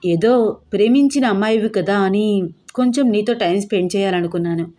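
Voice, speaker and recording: A woman's voice: mid-range voice, fairly quick, dark tone, close to an everyday voice. A woman voicing a pushy, sly young man in a story.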